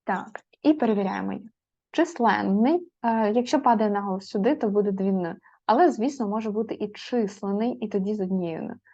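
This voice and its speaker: A woman teacher explaining spelling rules to students, patient and methodical, pausing on fillers and spelling out letters. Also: mid-range voice, dark tone. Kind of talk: spoken grammar lesson. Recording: slightly dull lo-fi audio.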